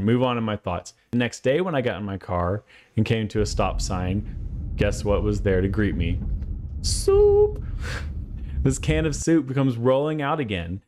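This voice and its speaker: A man's voice: on the low side, a little mellow. A man telling a personal faith story to his viewers in an earnest, conversational way, sometimes acting out his own reactions. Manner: earnest, conversational, with acted asides.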